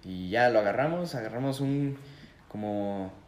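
A man's voice: on the low side, measured pace. A young man with a Mexican accent, co-hosting a casual podcast and telling a story full of slang and acted-out voices. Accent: Mexican Spanish. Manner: animated, acts out quoted voices, heavy slang. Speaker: podcast co-host. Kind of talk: casual storytelling among friends. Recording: roomy room with faint background noise.

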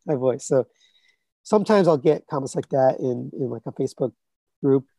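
A guest on a podcast who reviews collectibles, this man in his thirties or forties has a scratchy, gravelly yet mellow mid-range voice. He chats casually at a normal speed, rambling with plenty of fillers and restarts, and the recording is dry.

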